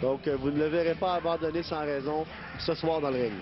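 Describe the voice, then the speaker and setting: A man's voice: a little high, steady tone, brisk. A man giving analytical live fight commentary, explaining with hesitant phrasing. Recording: dull broadcast sound, music behind.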